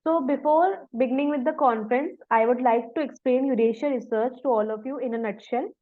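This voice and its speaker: A woman's voice: high-pitched, brisk. A woman hosting an online conference, giving a polite, formal welcome and introduction. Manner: polite, repeats thanks and okays. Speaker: conference host. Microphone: video call. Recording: dull, lo-fi video call audio.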